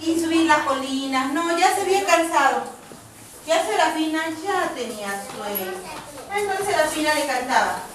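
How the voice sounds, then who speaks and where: A woman telling a story to children with a puppet, in a gentle, playful, drawn-out way. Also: high voice, lively intonation. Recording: echoey, distant, noisy room.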